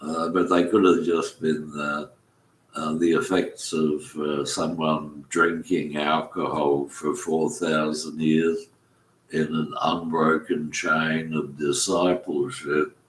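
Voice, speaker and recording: A man, rambling through a spoken monologue, halting often with fillers and restarts. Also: very deep voice, little pitch movement, a little hiss or hum. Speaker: commentator. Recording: echoey room.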